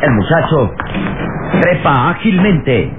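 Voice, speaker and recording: A man's voice: fairly high pitch, very animated, slow. A man narrating an old radio serial in a theatrical, suspenseful, dramatic style. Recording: tinny, noisy old radio recording.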